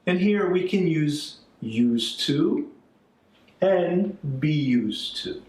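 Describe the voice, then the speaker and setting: Casting note: middle-aged man from Canada, English teacher, slow and animated delivery, echoey room, mic set back. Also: fairly high pitch. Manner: patient, repeats points, frequent "okay?" and "right?" checks. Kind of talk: classroom-style grammar lesson. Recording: echoey room, mic at a distance, faint music.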